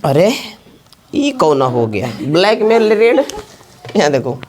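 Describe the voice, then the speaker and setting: A woman's voice: low-pitched, very animated, slow, darkish tone. Woman math teacher, classroom lesson, keeps asking the class questions. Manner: asks the class constant check questions. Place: classroom with students.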